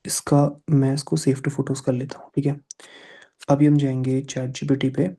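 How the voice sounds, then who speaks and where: A man's voice: medium pitch, monotone, a little slow, warm tone, husky. A man teaching an online English grammar class. He mixes English into his explanations and voices his students' questions.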